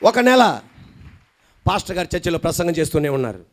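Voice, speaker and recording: A man's voice: on the high side, sing-song, brisk. A male pastor preaching a sermon, telling a story with dramatic flair and acting out every quoted line.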